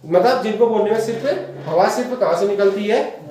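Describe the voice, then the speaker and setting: A man's voice: high-pitched, brisk, mellow. Man, teacher, classroom grammar lesson, quizzing tone, distant mic, heavy room echo. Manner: quizzes listeners, drawing words out syllable by syllable. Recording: very echoey room, mic far off.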